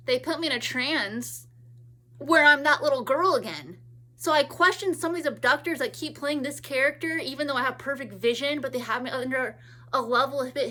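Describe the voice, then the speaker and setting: A woman in her thirties from California talks in a long, meandering monologue, often restarting her sentences and letting thoughts trail off. Her voice is very bright and sits a little high. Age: 30s. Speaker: vlogger. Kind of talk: rambling personal monologue.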